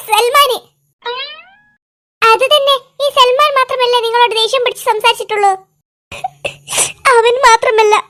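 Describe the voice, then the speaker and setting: A voice actor playing a crowd of young cartoon schoolkids who chatter and squabble back and forth in a lively animated comedy. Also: very high-pitched. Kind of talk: cartoon voice acting.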